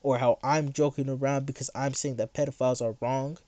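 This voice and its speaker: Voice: medium pitch, steady tone, fairly quick, mellow. A livestreamer ranting late at night in a heated, sarcastic way, mocking someone in chat.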